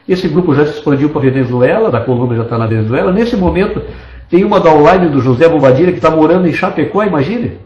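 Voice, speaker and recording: Fast, expressive and fairly high-pitched, with a touch of mellowness, this man from Brazil pitches eagerly in an online network marketing presentation, piling up point after point. His desktop computer mic picks up an echoey room and a lo-fi quality.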